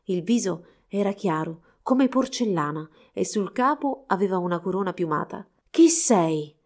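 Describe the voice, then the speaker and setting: A woman's voice: medium pitch, moderate pace. Woman narrating a fairy tale. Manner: steady, expressive reading. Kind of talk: storybook narration.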